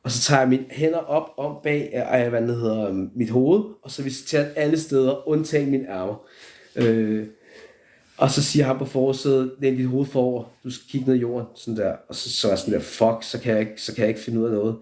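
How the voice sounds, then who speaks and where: A young man tells a story on a casual live stream. He rambles, swears freely and restarts his sentences again and again. His voice sits at an ordinary middle pitch for a man. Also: a little mellow. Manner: rambling, profane, with many restarts.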